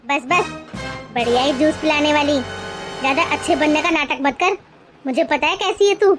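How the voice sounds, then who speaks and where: Domineering, greedy middle-aged mother-in-law in a cartoon, very high voice, shrill scolding tone; voice actor. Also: fairly even intonation, a little slow, over music.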